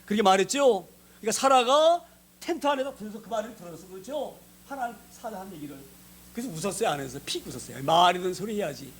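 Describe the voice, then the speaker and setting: A male pastor delivers a sermon in a noticeably high voice. He preaches conversationally, often turning to the congregation with questions. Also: expressive, quick pace, slight background noise.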